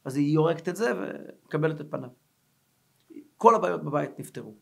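High, gravelly-voiced rabbi teaching. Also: male voice. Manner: animated, acts out stories. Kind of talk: Torah lesson with storytelling.

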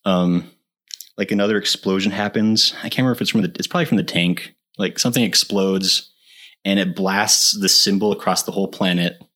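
A man co-hosting a podcast, chatting casually and enthusiastically, laughing often and filling pauses with "like" and "uh". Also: low-pitched, steady tone, sharp tone. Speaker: podcast co-host. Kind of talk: casual chat.

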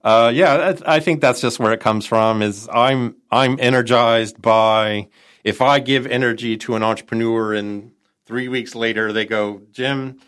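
His medium-pitched voice is smooth, steady, a bit bright, and unhurried. As an interview guest, this middle-aged man from Minot, North Dakota, who advises nonprofit entrepreneurs, chats in a nasal Chicago accent, wandering into folksy asides and frequently correcting himself.

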